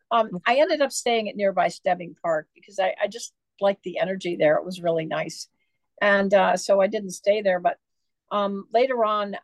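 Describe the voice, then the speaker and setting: A woman's voice: on the low side, no room sound. A woman author being interviewed, telling long rambling stories with many fillers. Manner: chatty, digressive, many fillers. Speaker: author guest. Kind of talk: casual storytelling interview.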